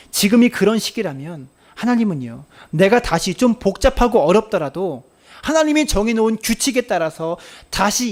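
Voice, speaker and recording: A male pastor giving a Sunday sermon in church, earnest, repeating phrases for emphasis and addressing the congregation directly. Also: high voice. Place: church sanctuary.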